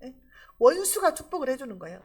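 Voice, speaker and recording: High-voiced woman pastor preaching emphatically. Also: big pitch swings, fast talker, darkish tone. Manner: emphatic, with frequent rhetorical questions. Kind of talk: sermon.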